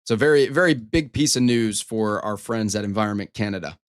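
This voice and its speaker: A man hosting a live storm coverage stream, giving running weather commentary in an emphatic, repetitive way. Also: lowish voice. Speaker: storm coverage livestream host.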